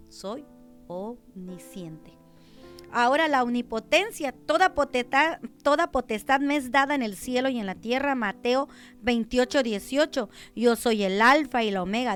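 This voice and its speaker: A Mexican woman pastor preaches a radio sermon in a Mexican Spanish accent, speaking emphatically as she sinks into hushed tones and then rises to loud cries. Her voice is a little high.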